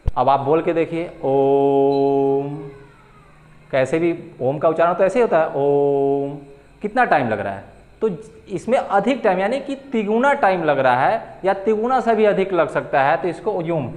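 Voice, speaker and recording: A man's voice: high-pitched, very animated, a little mellow, roomy sound. Patient male Hindi grammar teacher. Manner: patient, repeats key terms slowly, asks and answers own questions. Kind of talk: exam-prep Hindi grammar lesson.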